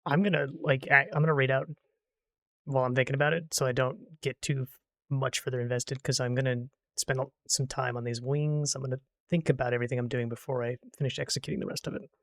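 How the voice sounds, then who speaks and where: A man's voice: mid-range voice, little pitch movement, fast talker, a bit bright, no echo. Playful streamer man, dry close mic. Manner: playful, rambling, teasing. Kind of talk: casual chat while gaming.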